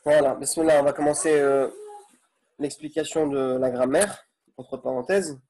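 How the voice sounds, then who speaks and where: A man's voice: a little high, fairly even intonation, moderate pace, mellow. A man teaching an online Arabic grammar lesson in French, explaining patiently and checking in with his students often.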